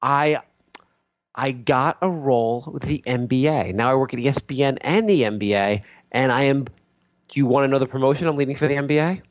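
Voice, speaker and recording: In an improvised comedy sketch, a man plays a pompous self-proclaimed lord and sports insider who rambles through an over-the-top sales pitch. He speaks briskly, close to his everyday voice.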